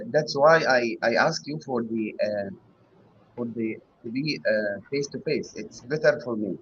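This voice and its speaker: A husky-voiced man speaks over a bad connection that keeps dropping out, the video-call audio dull and muffled. He is not a native English speaker. He talks in a hesitant, halting way, pausing and restarting as he searches for words. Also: medium pitch. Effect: bad connection, mic cutting out. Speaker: guest caller. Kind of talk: casual chat. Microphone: online video call.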